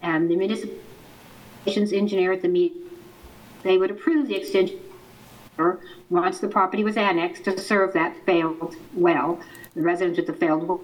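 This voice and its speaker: A woman on staff giving a measured, explanatory planning presentation over a remote video call, and her audio keeps breaking up and cutting out. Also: on the low side, steady tone. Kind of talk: formal presentation at a public meeting. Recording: distant choppy internet call audio.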